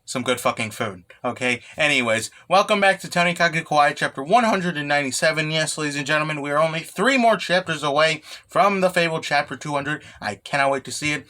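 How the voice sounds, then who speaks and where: A man hosting a manga recap as an excited anime fan, casual, sweary and irreverent, often checking in with the listener. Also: on the high side. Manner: often tags phrases with "okay" or "right". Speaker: host of a manga chapter review channel.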